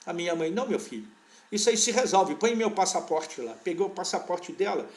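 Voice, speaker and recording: The older interviewee, a professor of veterinary parasitology who was born in Portugal and grew up in Brazil, has a fairly high voice with lively intonation. He tells his stories in a relaxed, conversational way, rambling without hurry and frequently restarting.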